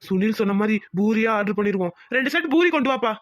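A woman voicing a kind young village husband in a cartoon, talking in a quick, gentle and reassuring way. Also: on the high side, lively intonation, lightly acted. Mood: caring. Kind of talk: cartoon voice acting.

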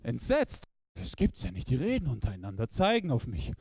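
A man doing stand-up storytelling on a stage with no audience, animated and acting out characters in the story. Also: medium pitch, a little fast, breathy edge, dry recording, clean studio sound. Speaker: stand-up comedian.

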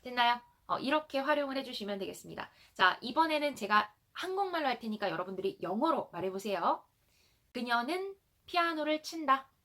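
A young woman teaching an online English grammar lesson in Korean, explaining step by step and reading example sentences slowly for learners to repeat. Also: fairly high pitch, very animated, fairly bright tone.

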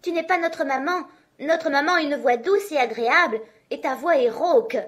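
A woman voicing a chorus of small, young goat kids in a children's story, shrill and crying out. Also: moderate pace, close to an everyday voice. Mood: defiant.

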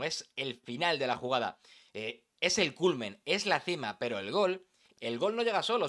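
A man's voice: mid-range voice, a bit bright. A man from teaching sports narration, talking emphatically and dramatically, addressing the listener directly. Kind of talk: instructional voice-over lesson.

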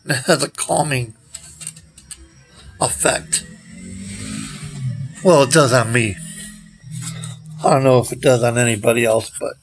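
In a rambling selfie vlog, a man in his sixties talks haltingly into a phone held at arm's length outside next to a brick building, often trailing off. His voice is still recovering after he nearly lost it to a recent illness. The pitch is medium and the tone steady, with faint music in the background.

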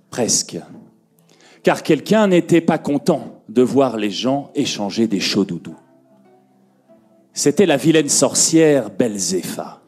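A man telling a fairy tale to a conference audience, slow and expressive, dropping his voice and lifting it for effect. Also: medium pitch, slightly rough. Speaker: storyteller. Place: conference room.

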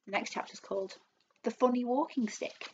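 A teacher reading a children's book aloud to her class, with expressive storytelling. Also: a little high, normal speed, highs cut off, slight background noise.

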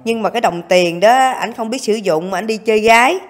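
A woman's voice: on the high side, fairly quick. A woman being interviewed about her family, speaking in an indignant, insistent way. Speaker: interviewee, wife. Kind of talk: casual interview talk.

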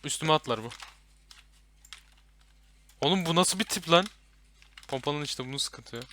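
A young man playing a horror game with a friend, commenting and swearing loudly at the enemies. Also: fairly high pitch, lively intonation, normal speed, slight background noise. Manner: loud, swearing, yelling at enemies. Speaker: gaming YouTuber.

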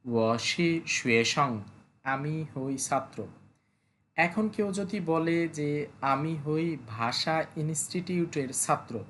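A male language teacher slowly going through vocabulary, repeating each word several times and explaining how to pronounce it. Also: a little high, slight background noise. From Bangladesh. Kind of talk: vocabulary lesson, explaining pronunciation. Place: language school classroom or study.

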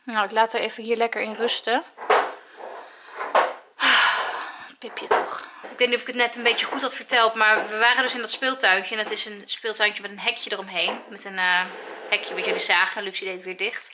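A woman's voice: medium pitch, fairly even intonation, moderate pace, very noisy. A Dutch woman in her thirties, a mother filming a family vlog, chatting to the camera and soothing her frightened dog. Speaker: vlogger, mother. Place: outdoors, then at home.

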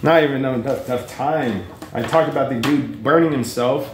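A man's voice: mid-range voice, moderate pace, echoey room, background noise. A man vlogging casual, rambling commentary on books and the news, full of fillers, restarts and swearing. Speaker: book reviewer vlogger.

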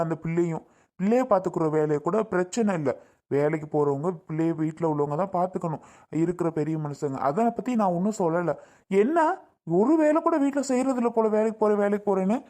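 A woman's voice: lowish voice, mellow, natural voice. A woman playing a grown son who lectures his mother in a family comedy skit, pleading then scolding.

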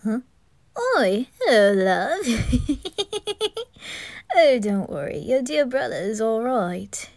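A woman's voice: on the high side, expressive, slow pace, long pauses, darkish tone, no room sound. A woman voicing an eccentric male undertaker in a fan audio roleplay, playful and prone to cackling laughs. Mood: amused.

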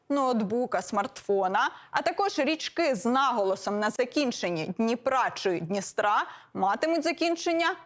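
Higher-pitched woman explaining grammar. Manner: measured, listing examples one by one. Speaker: philologist presenter. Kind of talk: scripted educational explanation.

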